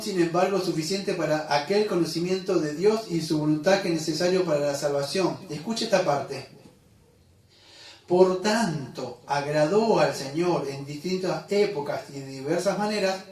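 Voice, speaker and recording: A man's voice: fairly high pitch, moderate pace, a little mellow. A man preaching a sermon as pastor, talking conversationally, correcting himself and quizzing the congregation. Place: church hall. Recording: echoey room, mic at a distance.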